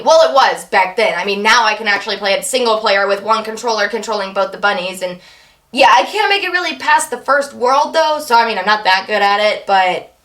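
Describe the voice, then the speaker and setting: A young woman vlogger chatting casually to camera, her voice strained and tired, rambling with quick self-deprecating asides. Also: a little high, bright, forceful tone. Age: young adult.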